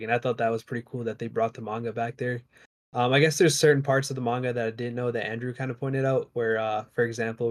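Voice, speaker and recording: A man giving his views in casual podcast chat, speaking in a measured, hesitant way with many ums. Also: mid-range voice. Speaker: podcast guest.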